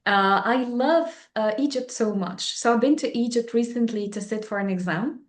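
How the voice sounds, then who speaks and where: A woman's voice: a little high, moderate pace. A woman from Tunisia, a native Arabic speaker with a North African, Tunisian accent, telling a personal story in conversation. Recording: roomy, echoey sound.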